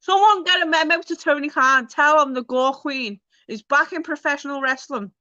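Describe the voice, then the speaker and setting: On a casual livestream, a Liverpool-accented woman from Liverpool, England, talks with her viewers as host, using their names and plenty of swearing. She speaks at normal speed in a high-pitched, pushed, bright voice; the sound is lo-fi with no echo.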